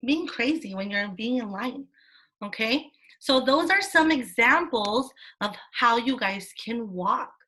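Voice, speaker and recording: Bright-voiced woman teaching kids online. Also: a little high, animated, a little slow. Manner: encouraging, sing-song teacher prompting. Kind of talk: online class lesson for children. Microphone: laptop mic on a video call.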